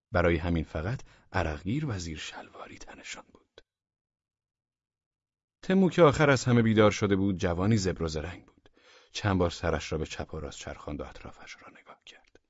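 Low husky guy reading an audiobook, warm and measured, dips into near-whispers, dry muffled recording. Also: no echo. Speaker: audiobook narrator. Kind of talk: scripted audiobook narration.

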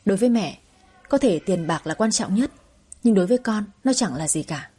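A woman's voice: mid-range voice, lively intonation, brisk, dark tone, breathy edge. A woman storyteller voicing an earnest young adult son who pleads with his parents in a spoken audio story. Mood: hurt.

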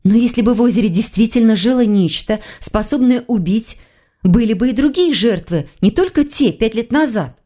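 Woman reading as a spirited young woman sleuth, higher, brisk, storybook voice. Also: lively intonation, mellow, lightly acted. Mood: eager. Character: bold lively young woman investigator.

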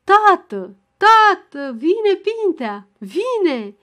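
A woman voicing a lively, excitable teenage girl in a storybook reading, with a high, exclaiming voice. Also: close to an everyday voice. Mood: shouting joyfully.

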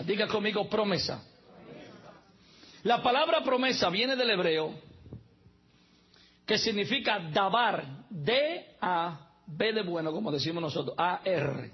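A man's voice: sits high, breathy edge, lo-fi sound. A man preaching a sermon as pastor, mixing humorous asides with teaching and spelling out words letter by letter.

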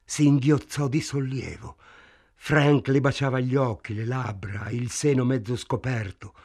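A man reading a novel aloud in a measured, dramatic narration. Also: medium pitch, darkish tone. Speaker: audiobook reader. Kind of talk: scripted literary narration.

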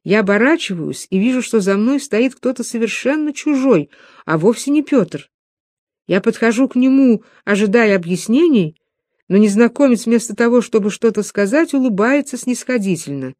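Woman calmly reading a novel. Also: a little high, moderate pace, no echo, clean studio sound. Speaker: audiobook narrator. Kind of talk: novel narration.

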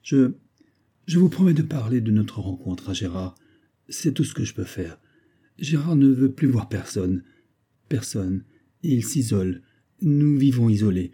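Guy doing a jittery young wife in a storybook, begging, dark husky tone. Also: mid-range voice, animated. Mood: anxious. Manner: nervous, hurried, pleading. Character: anxious young wife, secretive, pleading.

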